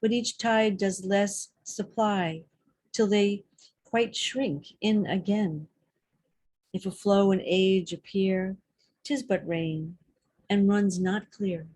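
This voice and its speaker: A woman giving a poetry reading at a public library, reciting in a measured, deliberate way. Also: medium pitch, fairly even intonation, a little mellow, no echo. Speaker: poetry reader.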